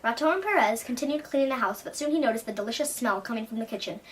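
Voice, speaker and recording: Quick woman reading a folktale. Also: a little high. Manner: lively expressive narration. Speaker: storyteller. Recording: distant from the mic.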